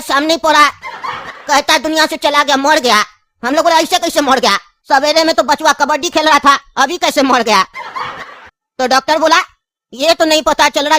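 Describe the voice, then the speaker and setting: A woman's voice: sits high, bright, forceful tone, no echo, clean studio sound. A woman voicing a pushy, scheming old grandfather in a cartoon, with a coaxing, chuckling manner. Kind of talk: cartoon voice acting.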